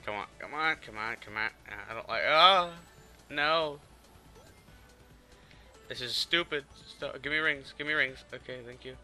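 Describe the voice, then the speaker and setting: A man giving excitable play-by-play commentary over a video game, repeating words when he panics. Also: mid-range voice, fairly quick, few pauses, soft background music. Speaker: gamer.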